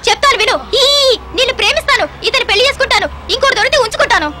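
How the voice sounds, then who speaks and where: A woman's voice: very high voice, expressive, rapid-fire. An actress playing a defiant, taunting young woman in a dubbed film. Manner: taunting and sharp-tongued. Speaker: film character.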